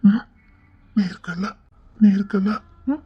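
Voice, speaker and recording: A woman acting as a lonely, tender-hearted man in a Tirunelveli Tamil drama, tearful and pleading, often hushed. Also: medium pitch, slow, slightly rough, dull audio.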